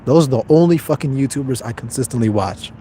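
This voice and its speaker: Reading his chat aloud, a twenty-something livestreamer replies to viewers in a casual, curt, detached manner, cursing freely. He has a mellow, dark voice of medium pitch and talks quickly, with a faint hum behind him.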